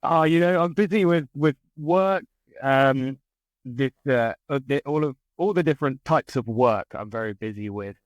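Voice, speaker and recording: A man's voice: medium pitch, normal speed, dry recording. A man from southern England with a modern British RP accent, chatting casually and discursively as an interview guest. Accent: southern English RP. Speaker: interview guest, English teacher. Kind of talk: casual conversation.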